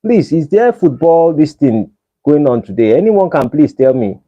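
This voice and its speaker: With a sing-song delivery at a moderate pace, a man from Nigeria hosts a casual live-stream chat and pleads with viewers for likes. His voice is a little high and carries a Nigerian accent, captured in dull lo-fi livestream audio.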